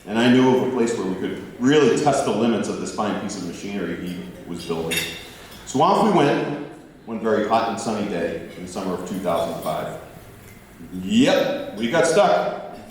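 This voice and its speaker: A man's voice: lowish voice, big pitch swings, moderate pace, a little mellow. A man giving a best man's toast, telling stories in a jokey, theatrical way. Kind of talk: storytelling wedding speech to guests. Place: large indoor reception venue. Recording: echoey hall, distant, noisy background.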